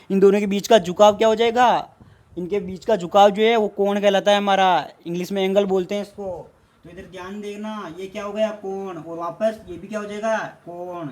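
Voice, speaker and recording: Man, high pitch, math teacher, exam-prep board lesson, repetitive questioning. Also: darkish tone. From India. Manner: repetitive, asks rhetorical questions and answers them himself.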